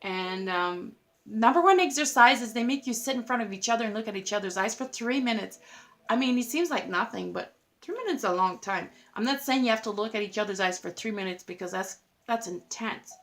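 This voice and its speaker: A woman's voice: fairly high pitch, lively intonation, a little fast, fairly bright tone. A woman giving a casual tarot reading to her viewers, chatty and effusive, filling her talk with "like" and laughing at herself. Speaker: tarot reader.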